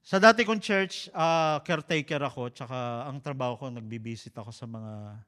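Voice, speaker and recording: A Filipino-accented man preaches in a large hall, speaking at a moderate pace with a medium-pitched voice. Animated and playful, he weaves stories and switches between Tagalog and English.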